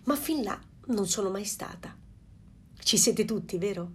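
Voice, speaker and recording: A woman's voice: mid-range voice, expressive, measured pace, a little hiss or hum, natural voice. Woman reading as a fussy mother duck. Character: fussy proud mother duck, adult female.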